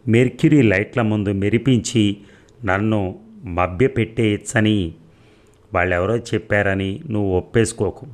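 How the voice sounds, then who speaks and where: A man's voice: on the low side, lightly acted. A man voicing an impatient young grandson who bickers and teases sarcastically.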